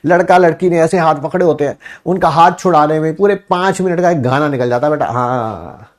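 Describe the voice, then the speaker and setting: A man's voice: a little high, brisk. A male teacher giving a classroom lecture, joking and quizzing his class. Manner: animated, jokey, asks class questions.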